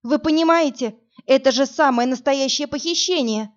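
A woman's voice: high voice, normal speed, pitched above the performer's own voice, natural voice. A woman reading an indignant young woman. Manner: insistent, agitated, raising her voice. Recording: dull lo-fi audiobook recording.

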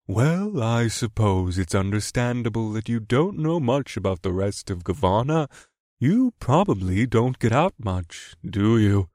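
A man's voice: mid-range voice, sing-song, takes it slowly, a little mellow, no room sound, studio quality. A man doing a lofty little crab. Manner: lofty, crooning, easily scandalized.

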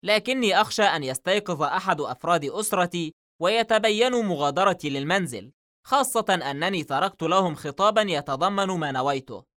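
A jittery young man in a novel read aloud, voiced by a man. His speech is tense and uneasy. The pitch sits higher than the narrator's plain voice. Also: lively intonation, fairly quick, bright, forceful tone. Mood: anxious. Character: nervous, anxious young man under pressure.

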